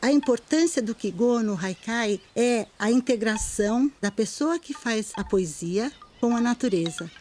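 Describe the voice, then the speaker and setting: A middle-aged Brazilian woman with a fairly high voice teaches a poetry lesson. Her delivery is calm and measured, and she slows down when reciting verses. She has a clear Brazilian Portuguese accent. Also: slight background noise. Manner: calm, measured explanation, slowing to recite poems. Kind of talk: video lesson.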